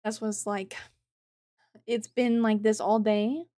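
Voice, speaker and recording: A woman's voice: medium pitch, little pitch movement, slow pace, warm tone, no echo. Woman game streamer, rambling casual chat, frequent laughs, dry close sound. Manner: rambling and chatty, with lots of filler words; laughs often between phrases.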